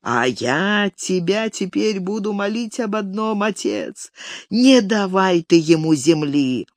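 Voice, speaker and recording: A reader voicing an old male village elder who grovels and pleads with his master, raising the voice high and thin. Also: expressive, takes it slowly, no echo, studio quality. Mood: pleading. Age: older. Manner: wheedling, tearful pleading. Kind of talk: audiobook character reading.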